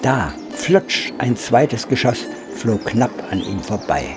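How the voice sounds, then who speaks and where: A man calmly narrating a children's story in a measured reading voice. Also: lowish voice, over music.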